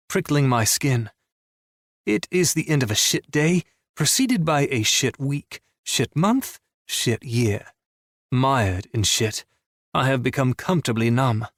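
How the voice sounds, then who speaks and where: Male romance audiobook narrator, mid-pitched, weary and blunt, close dry sound. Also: a bit bright, no echo. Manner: weary, blunt inner monologue.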